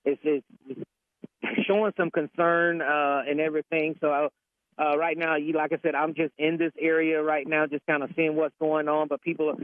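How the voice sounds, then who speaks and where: Halting field reporter, muffled male voice. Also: on the high side, level tone, no echo. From Alabama, United States. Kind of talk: live severe weather field report. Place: outdoors in a windy residential area.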